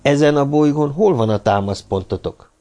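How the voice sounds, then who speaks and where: A man's voice: medium pitch, dark tone, pitched above the performer's own voice, lightly acted. A man reading an audiobook, voicing a humanoid male robot who questions firmly and insistently, his voice raised above his narrating tone. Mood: urgent.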